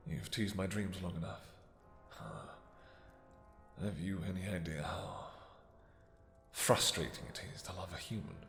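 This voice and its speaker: A man playing a possessive, lovesick vampire king in a romantic fantasy roleplay, speaking in formal, halting, commanding endearments that often sink to a breathy near-whisper. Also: low-pitched, a bit bright, echoey room, in a large hall, faint music behind, heavily acted. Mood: impassioned, demanding.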